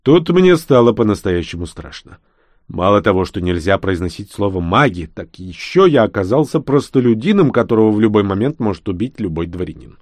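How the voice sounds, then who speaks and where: A man narrating a first-person fantasy novel as an expressive audiobook reader. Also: fairly low pitch, a little fast, no room sound. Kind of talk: first-person fiction reading.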